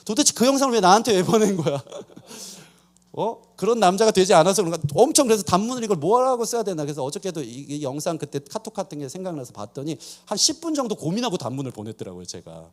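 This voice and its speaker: A man's voice: high voice, sing-song, quick pace. A man preaching a sermon as pastor, telling stories about his own marriage with self-deprecating humor. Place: church sanctuary.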